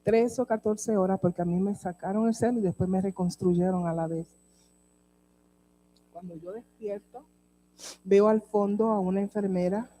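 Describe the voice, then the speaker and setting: A woman's voice: mid-range voice, dark tone, slight background noise, rough recording. A woman preacher telling a personal testimony in a sermon, speaking with emotion and addressing the congregation directly.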